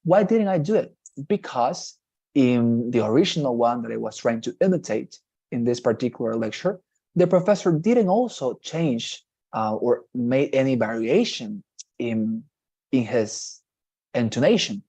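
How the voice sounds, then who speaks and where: A man's voice: mid-range voice, expressive, unhurried, warm tone, lo-fi sound. A man with a Spanish accent teaching English test strategies in an online class, explaining patiently and repeating his key points.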